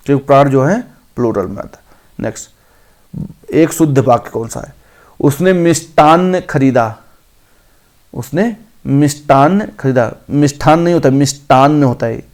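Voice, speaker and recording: A man teaching an exam-prep grammar lesson. He reads each option aloud slowly, then corrects it. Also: on the high side.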